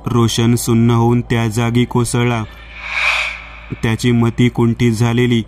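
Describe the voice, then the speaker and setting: A man reading a horror story aloud in a slow, steady scripted narration. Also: mid-range voice.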